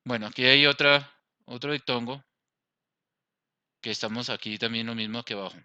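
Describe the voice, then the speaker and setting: A Colombian man teaches a grammar lesson, walking through each rule step by step and checking that his class is following. His voice is very bright and smooth. The recording is close and dry. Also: medium pitch, steady tone, moderate pace, no room sound. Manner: explains step by step, asks the class "¿listo?". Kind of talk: grammar lesson over slides.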